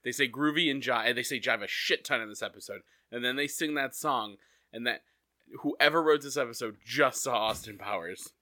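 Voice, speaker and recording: A man's voice: mid-range voice, brisk, pushed and bright, no echo, studio quality. A man co-hosting a podcast, chatting casually and with amusement about a cartoon episode. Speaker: podcast co-host.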